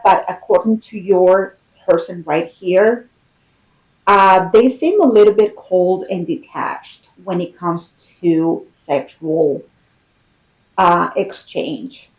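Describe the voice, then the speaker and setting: A woman giving an unscripted, intimate tarot reading, pausing and thinking aloud as she talks to the listener. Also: fairly low pitch, low-quality recording. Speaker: tarot reader.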